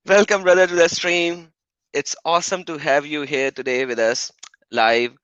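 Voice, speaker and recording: Upbeat bright-voiced male stream host. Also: on the high side, unhurried, no room sound. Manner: upbeat, enthusiastic, laughs often. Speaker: livestream host. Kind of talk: casual live-stream chat. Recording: dry, dull lo-fi stream audio.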